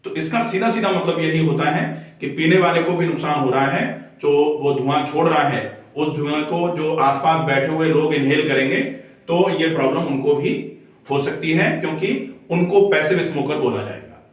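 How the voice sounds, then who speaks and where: A male doctor explains a lesson patiently, one step at a time. His voice sits a little high, and he sounds set back from the mic. The room rings with a heavy echo. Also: moderate pace, distant mic. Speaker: doctor teaching a health lesson. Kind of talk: explanatory lecture drawing on a board. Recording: echoey room, voice from away from the mic.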